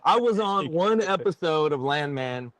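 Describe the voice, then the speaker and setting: A middle-aged Texan man, appearing as a guest musician, chats casually on a podcast and tells rambling stories at his own expense. His voice is fairly high and a bit bright, animated yet unhurried.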